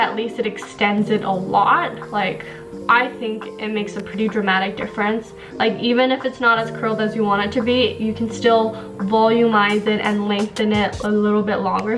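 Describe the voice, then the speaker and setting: Close to the camera in her small bedroom, a young Taiwanese woman vlogs about beauty in a casual, cheerful way, heavy on fillers, with a mid-range voice.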